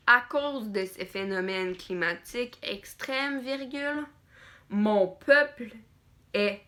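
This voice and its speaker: A woman teacher dictating a school text phrase by phrase, deliberately repeating phrases and speaking the punctuation aloud. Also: medium pitch, sharp tone.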